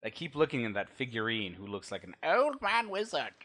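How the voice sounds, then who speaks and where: A man playing a tabletop game, describing his character's actions in a joking, animated way. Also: mid-range voice, brisk, slight background noise. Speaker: player. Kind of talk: tabletop game play, casual.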